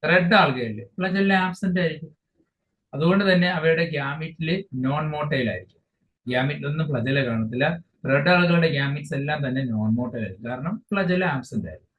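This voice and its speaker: Man teaching biology, fairly high voice. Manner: explains each English term again in Malayalam, often pausing mid-phrase. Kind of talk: exam-focused lecture. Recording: dull lo-fi sound with faint hiss.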